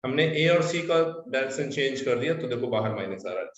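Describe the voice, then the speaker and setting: A man's voice: mid-range voice, expressive, brisk. A male maths teacher lecturing a class. He repeats key terms and keeps asking the students whether they follow. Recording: distant, echoey, muffled classroom recording.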